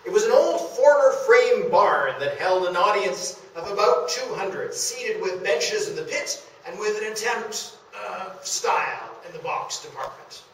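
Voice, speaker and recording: A man with a high-sitting, fairly bright voice lectures on history with illustrations, animated yet a little slow and barely pausing. He speaks to an audience in a historic house's meeting room, filmed by a faraway camera that leaves the sound echoey, distant and faintly noisy.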